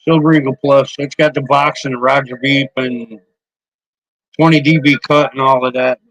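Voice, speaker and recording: Here the same sort of casual show-and-tell continues: a man who streams about CB radio talks loosely about his mics, swearing a lot and frequently starting over. His mid-range voice is steady, a bit bright, and moderately paced, captured on a low-quality recording.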